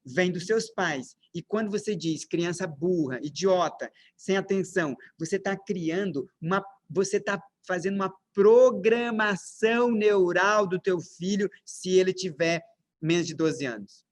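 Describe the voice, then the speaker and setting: High-voiced Brazilian man lecturing emphatically. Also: measured pace. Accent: Brazilian Portuguese. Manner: emphatic teacher with many rhetorical questions. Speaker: parenting speaker. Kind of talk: lecture on emotional parenting. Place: lecture room with slides.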